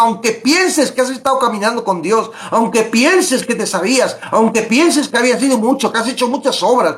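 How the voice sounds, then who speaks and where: Brief: middle-aged man, Bible teacher, high voice, swoops up and down emphatically. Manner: emphatic and animated, repeats words for stress. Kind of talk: verse-by-verse Bible study with personal testimony.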